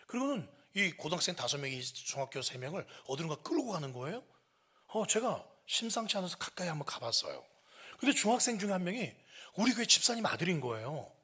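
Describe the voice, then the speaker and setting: A middle-aged male pastor telling a story in a sermon, acting out shouted quotes. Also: medium pitch, slightly rough. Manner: animated, acts out shouted quotes. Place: church sanctuary.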